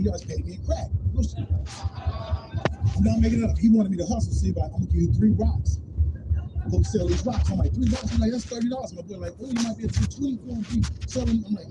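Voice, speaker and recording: High-voiced man telling a wild story. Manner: animated, acts out quotes in different voices. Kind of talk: casual stand-up style storytelling. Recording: noisy live stream.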